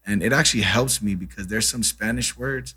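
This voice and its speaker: A man in his thirties, Brazilian and a native Portuguese speaker, is a guest musician in a casual interview chat. His low voice comes out a little fast, pushed and bright, slightly rough, and his laid-back talk is full of "you know" and "man."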